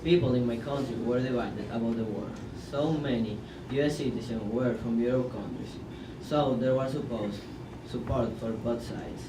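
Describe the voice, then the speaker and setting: A man with a mid-range voice recites his part of a presentation in a plain, steady way. The recording is distant and echoey, with clear noise in the background. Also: mid-range voice, moderate pace, hardly any pauses.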